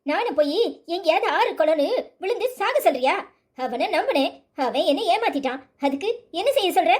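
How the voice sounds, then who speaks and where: A woman's voice: very high voice, expressive, fairly quick, darkish tone. A woman voicing a hurt but firm young woman student in a cartoon, exasperated, with a Tirunelveli Tamil accent.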